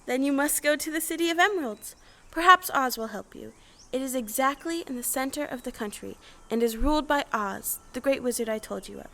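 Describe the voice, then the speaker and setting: Woman playing a high-voiced, kindly old good witch. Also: lively intonation, bright, forceful tone, exaggerated voice. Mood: kindly, grave. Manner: deliberate, storybook-formal, solicitous. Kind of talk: stage audio play acting.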